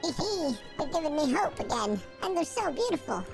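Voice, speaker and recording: A man's voice: normal speed, creaky, over loud music, full character voice. A man through a voice changer as bubbly origami girl Olivia. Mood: excited. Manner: bubbly, excitable, sing-song. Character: cheerful young origami girl companion. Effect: voice changer pitching the voice up. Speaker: let's play gamer reading a character's lines.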